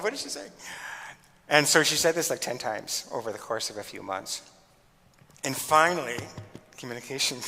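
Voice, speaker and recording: A man giving a lecture as a college teacher, animated and acting out bits of dialogue. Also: medium pitch. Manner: animated, acts out quoted dialogue. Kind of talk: lecture talk. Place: lecture hall or church. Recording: long hall reverb.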